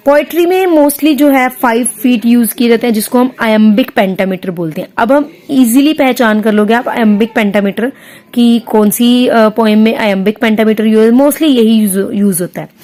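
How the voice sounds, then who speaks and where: Woman teacher, slightly high voice, slow and patient classroom explanation. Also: darkish tone. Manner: slow, patient, repeats terms, mixes English into speech. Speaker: English literature teacher. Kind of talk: explaining poetic meter in a lesson.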